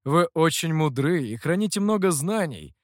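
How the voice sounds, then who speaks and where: Brief: a male reader plays a calm, courteous master, measured and polite, in an audio story. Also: a little high, dry recording, studio quality, close to an everyday voice. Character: calm, polite master who is older than he looks.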